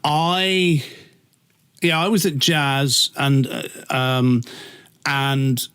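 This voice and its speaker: A middle-aged or older British man, a radio presenter appearing as an interview guest, chats in a camp, theatrical style. His medium-pitched, smooth, fairly bright voice is very slow with little pitch movement as he tells anecdotes and acts out the dialogue.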